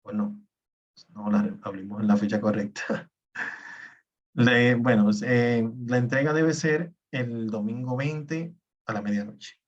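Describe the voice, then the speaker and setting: A man's voice: medium pitch, slow pace, distant mic, highs cut off. A male teacher giving an online class, explaining patiently step by step. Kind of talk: online class lecture on spreadsheets.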